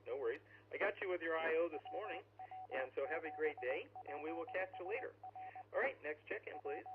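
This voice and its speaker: Heard through a tinny, narrowband two-way radio transmission with a faint hum, a man with a slightly high voice talks fairly quickly. He runs a laid-back amateur radio net like a pirate radio show, in a chatty, folksy manner.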